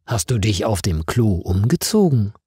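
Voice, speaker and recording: A man's voice: lowish voice, big pitch swings, moderate pace, dark tone, slightly rough, no echo, studio quality, exaggerated voice. A man reading a story voices a confused husband, asking surprised questions in a slightly raised voice. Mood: baffled. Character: baffled husband, calm but confused.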